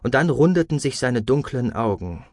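A man's voice: mid-range voice, sing-song, moderate pace, a little mellow, no echo, clean studio sound. Man narrating a sci-fi audiobook. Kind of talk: scripted science-fiction narration.

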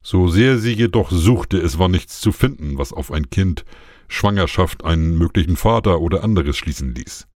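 A man narrating a science-fiction story in a measured, even way. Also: sits low, dry recording, studio quality. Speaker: audiobook narrator. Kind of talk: scripted narration.

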